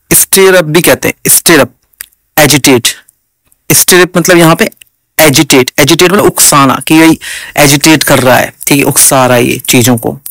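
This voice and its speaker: A man with an Indian English accent teaches exam vocabulary in a fairly high voice. He glosses each word in Hindi, repeats it, and checks in with "theek hai" as he goes. The sound is close and dry, with no room echo. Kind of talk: vocabulary lesson for exam prep.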